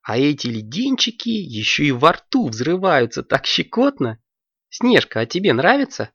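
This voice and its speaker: A curious, practical young girl wizard asks and comments, as a storyteller puts her on. Her voice is raised and lively. The recording is dull and dry. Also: mid-range voice, normal speed, breathy edge, no echo, pitched above the performer's own voice, heavily acted.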